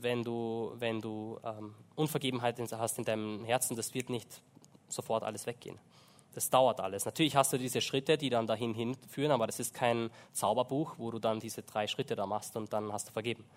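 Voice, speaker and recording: A man preaching a sermon in a church, earnest and halting, with many fillers and restarts. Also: mid-range voice, steady tone. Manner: earnest, slows down for emphasis in prayer.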